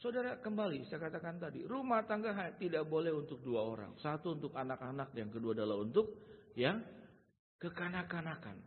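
A man preaching a sermon, asking the congregation rhetorical questions and swinging between soft and loud delivery. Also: a little high, animated, brisk. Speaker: pastor. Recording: tinny phone-like sound with long hall reverb.

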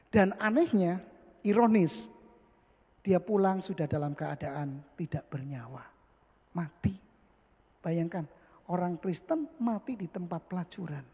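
A man preaching a sermon, leaping high and loud for emphasis and dropping soft and low for asides. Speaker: pastor. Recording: long hall reverb, husky voice.

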